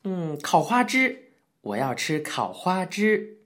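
A man doing a cheeky, quick-witted youth. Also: high voice, big pitch swings, a bit bright, voice pushed up, full character voice. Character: cheeky young man, sharp-tongued and lively. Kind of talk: audiobook character voice.

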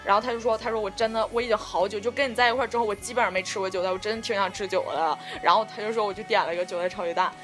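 Bright-voiced rambling woman. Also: mid-range voice, fairly even intonation, rapid-fire, hardly any pauses, soft background music. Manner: rambling storytelling full of fillers; swears casually. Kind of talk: casual chat.

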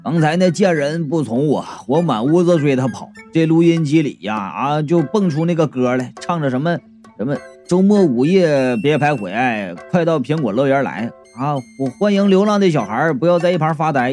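A man's voice: on the high side, lively intonation, normal speed, darkish tone, soft background music, close to an everyday voice. A man voicing a leering, boastful middle-aged boss in a comic audiobook, smug and dismissive.

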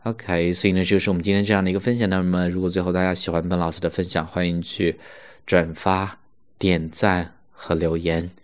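A man teaching English pronunciation in an online lesson, slowly stretching out English words to demonstrate them. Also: low voice, little pitch movement, clear, resonant tone. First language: Mandarin Chinese.

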